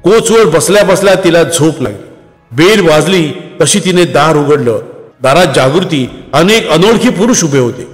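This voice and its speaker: A male storyteller reading a moral tale in calm, scripted narration, his voice sitting a touch high for a man. A long reverb hangs on every line, with faint music underneath. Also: normal speed.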